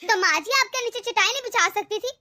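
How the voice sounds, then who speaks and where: A woman's voice: extremely high pitch, fast, sharp tone, exaggerated voice. A woman voicing a bossy, impatient young daughter-in-law in a cartoon, scolding sharply. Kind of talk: cartoon dub voice acting.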